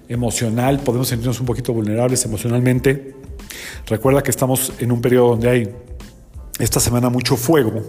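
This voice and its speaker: A man hosting a daily numerology talk, speaking calmly and stretching out key words, his voice ringing with a heavy hall echo. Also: mid-range voice. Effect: heavy hall echo, like a cathedral. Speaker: psychotherapist and numerologist host. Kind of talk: daily numerology podcast monologue. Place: large echoing room. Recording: long echoey reverb with faint music.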